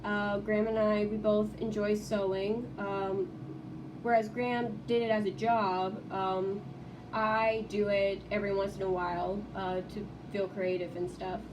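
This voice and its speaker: A young woman records a casual vlog in her college dorm room. She rambles and restarts her sentences, filling gaps with ums. She sits some way from the mic, with steady noise around her. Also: medium pitch, unhurried, far from the mic. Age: young adult. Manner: rambling, many fillers and restarts. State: tearful, voice breaking. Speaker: vlogger.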